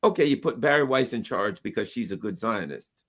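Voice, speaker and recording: A political commentator with a fairly low voice talks politics quickly and animatedly. His tone is emphatic and sarcastic, and he mocks the people he's criticizing.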